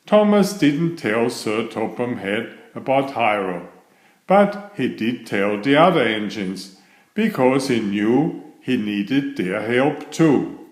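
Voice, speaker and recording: A man reading a children's bedtime story aloud in a deliberate, expressive storytelling manner. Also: mid-range voice. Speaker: storybook reader. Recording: roomy, echoey sound.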